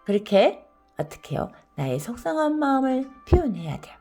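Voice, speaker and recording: A woman reading a children's picture book aloud, explaining it in a teacherly, expressive way. Her voice sits fairly high and moves up and down a lot. Soft music runs faintly underneath. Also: moderate pace. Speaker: storybook reader. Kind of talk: children's storybook read-aloud.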